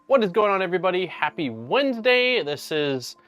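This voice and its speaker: A man's voice: high voice, very animated, a little fast, a bit bright, faint music behind. A man hosting a casual livestream, talking in an upbeat, rambling way with lots of fillers. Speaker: livestream host.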